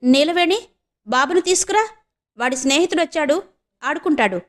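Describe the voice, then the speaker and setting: A woman's voice: fairly high pitch, normal speed, close to an everyday voice. A woman doing a fond, chatty old grandma. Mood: calling out. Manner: affectionate, coaxing. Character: older grandmother, fond and talkative.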